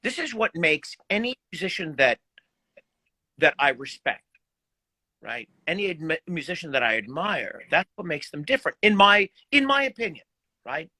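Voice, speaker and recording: A man's voice: on the high side, normal speed, dry recording. A middle-aged man, a guest musician, telling stories in a casual live video chat and laughing often. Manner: animated, laughing storyteller.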